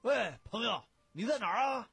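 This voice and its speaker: A man putting on a loud, blustering middle-aged buddy on the phone. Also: very high voice, normal speed, creaky, breathy edge, dry recording, pitched above the performer's own voice, full character voice. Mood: loud, insistent. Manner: shouting, excited, blustery.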